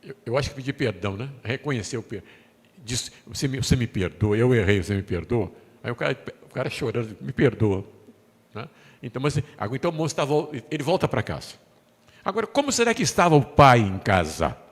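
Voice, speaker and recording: Brazilian pastor preaching in a reverberant church. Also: male voice, mid-range voice, very animated, fast, slightly rough. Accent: Brazilian Portuguese. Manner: storytelling, voicing the characters' words, asks the congregation questions. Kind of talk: sermon. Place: church sanctuary. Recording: long hall reverb in a church.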